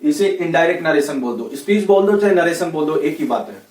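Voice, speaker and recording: In an echoey room, slightly distant from the mic, a man with a Rajasthani Hindi accent gives a chatty, casual English grammar lecture, forever checking in with "ठीक है, है ना" ("okay, right?"). His voice runs on the high side, animated and brisk, with a darkish tone.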